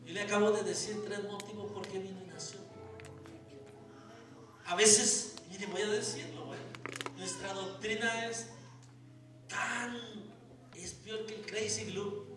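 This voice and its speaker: A man, a pastor preaching a sermon and telling stories, moving from soft asides to shouting. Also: sits high, steady tone, measured pace, long pauses. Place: church sanctuary. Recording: echoey church hall, distant mic, music.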